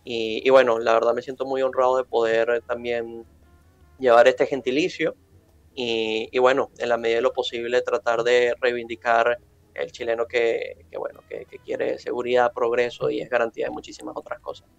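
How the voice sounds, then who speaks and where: A man speaks in a measured, formal way as an interview guest, often pausing on fillers. The sound is close and dry. A faint music bed sits behind him. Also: medium pitch, flat delivery, gravelly, no room sound, lo-fi sound. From Venezuela. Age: 20s.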